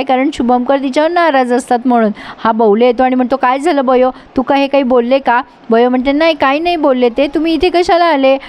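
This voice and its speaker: Young woman retelling a tv serial, high clear voice, chatty, talks to her viewers. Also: a little mellow. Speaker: storyteller recapping a TV serial. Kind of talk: casual storytelling recap.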